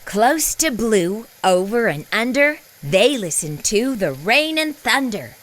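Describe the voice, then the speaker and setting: Slow, very animated woman storyteller. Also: fairly high pitch, noisy background. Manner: animated, deliberate delivery for young children. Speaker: children's story reader. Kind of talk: scripted storybook narration, read aloud.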